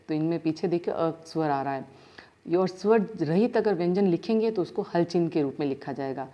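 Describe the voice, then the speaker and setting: A woman's voice: sits low, mellow. A woman school teacher, giving a grammar lesson and sounding out letters one by one. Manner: explains step by step, sounds out letters slowly. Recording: dull lo-fi sound.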